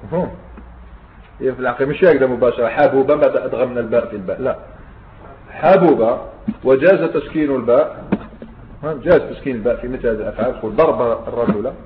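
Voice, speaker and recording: A man's voice: medium pitch, fast, long pauses, slight background noise. A man with an Algerian Arabic accent, an Islamic scholar giving a classroom grammar lesson who explains step by step and keeps checking that his students follow. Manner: explains step by step, often asks students "understood?". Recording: echoey room on a tinny, phone-like line.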